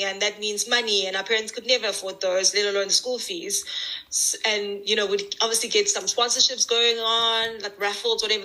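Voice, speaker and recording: A young South African woman, a podcast guest, telling candid personal stories in an animated way, with frequent restarts. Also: mid-range voice, low-quality recording. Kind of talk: casual podcast storytelling.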